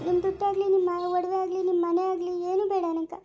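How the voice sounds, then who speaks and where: A woman's voice: extremely high pitch, flat delivery, fast talker, dark tone, dull audio, soft background music. A woman playing a poor, orphaned village woman in her thirties, pleading and tearful in a family drama. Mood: shy hopeful. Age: 30s.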